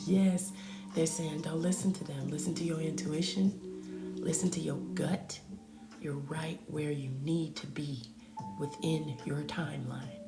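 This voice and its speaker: A woman's voice: sits low, vocal fry. A woman doing a live spiritual reading for viewers, soothing and affirming, often half-whispering and calling them pet names. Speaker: spiritual reader on a live stream. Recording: echoey room with music behind.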